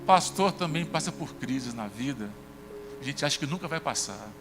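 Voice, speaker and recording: A Brazilian man preaching a sermon as pastor, telling personal stories and acting out the dialogue with lively shifts of voice. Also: moderate pace, creaky, big-room sound, background noise. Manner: conversational storytelling, acts out dialogue with shifts in pitch. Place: church sanctuary.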